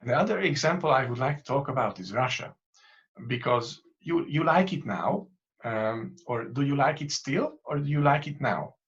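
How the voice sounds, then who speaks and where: A man's voice: medium pitch, expressive, moderate pace. A man from Hungary with a Hungarian accent, interviewing a guest in English with a hesitant manner. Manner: hesitant, many fillers and restarts. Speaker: interviewer, channel host. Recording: dull lo-fi audio.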